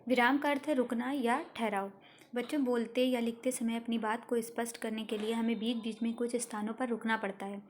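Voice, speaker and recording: A woman's voice: fairly high pitch, steady tone, brisk, slight background noise. A woman teacher explaining a grammar lesson to children, reading example sentences aloud. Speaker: school teacher.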